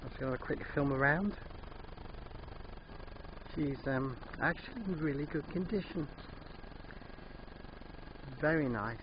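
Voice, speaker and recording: An older man with a thick, sore, swollen-sounding throat, narrating a casual DIY vlog in a hesitant, unhurried way. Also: mid-range voice. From England. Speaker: DIY van converter presenting. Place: in and around a van. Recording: dull muffled sound, background vehicle noise.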